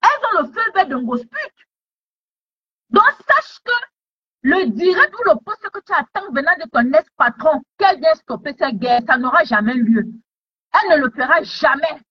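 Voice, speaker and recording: A woman giving heated commentary online, scolding someone with repeated taunting questions. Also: high-pitched. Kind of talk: heated social media commentary. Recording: dull lo-fi sound.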